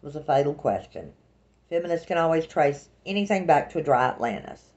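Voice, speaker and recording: A woman's voice: deep voice, expressive, a little fast, darkish tone, muffled recording. A woman from Alabama with a Southern accent, reading a first-person novel aloud with a dry, wry delivery. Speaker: audiobook narrator.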